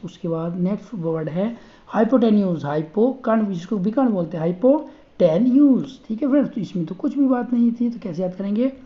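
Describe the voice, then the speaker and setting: A man teaching spelling in a casual online lesson. He chats with viewers, calls them friends, and spells words out slowly letter by letter. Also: high-pitched, dark tone, muffled recording. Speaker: online tutor.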